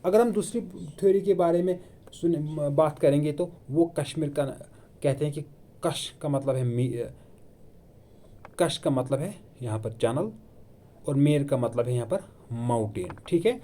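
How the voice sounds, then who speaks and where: A man's voice: a little high, unhurried, dark tone. A man giving an exam-prep history lecture in Hindi mixed with English terms, asking questions and answering them himself. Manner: asks and answers his own questions, repeats key terms. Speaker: exam coaching teacher. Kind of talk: classroom lecture. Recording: online video lecture.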